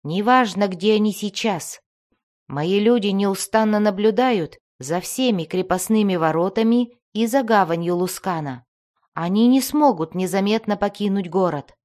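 A woman's voice: medium pitch, moderate pace, a little mellow, lightly acted. A woman voicing a male soldier of the city guard who reports in a blunt, matter-of-fact way.

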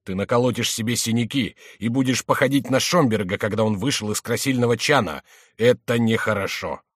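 A man's voice: mid-range voice, fairly quick, fairly bright tone, no echo, clean studio sound, natural voice. A man doing a ranting, wounded king. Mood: pleading. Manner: wailing and ranting. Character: distraught, hot-tempered male king.

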